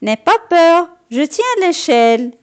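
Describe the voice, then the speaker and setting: A woman voicing Patapon, a small eager male helper, in a storybook reading, with high, excited exclamations. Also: slow. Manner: high bright excited squeals.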